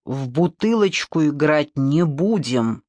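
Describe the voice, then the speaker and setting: A woman's voice: lowish voice, sing-song, normal speed, husky, no room sound. A woman voicing a haughty, disdainful man, a husband, in an audiobook. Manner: disdainful, firm. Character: haughty irritated husband, Vadim.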